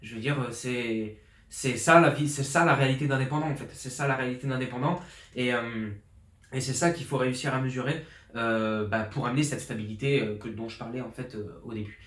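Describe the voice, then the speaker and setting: A man's voice: mid-range voice, a little fast, fairly bright tone, roomy sound. A man, a fitness coach talking through his year in an informal vlog, rambling with many restarts and fillers, fired up. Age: 20s. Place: his flat in an apartment building. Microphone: borrowed pro journalist mic.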